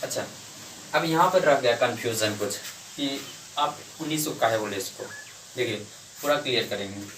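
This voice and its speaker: A man's voice: medium pitch, moderate pace, long pauses, noisy background. A man teaching an English grammar lesson to a class, asking questions and answering them himself, repeating each point. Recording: echoey room, mic at a distance.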